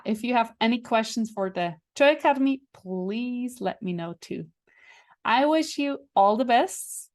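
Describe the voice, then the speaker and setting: A Swiss woman who speaks Swiss German natively hosts her own English-language podcast and makes a casual announcement. Her voice is mid-range with a darkish tone, and she pauses to find words, using fillers and restarting sentences.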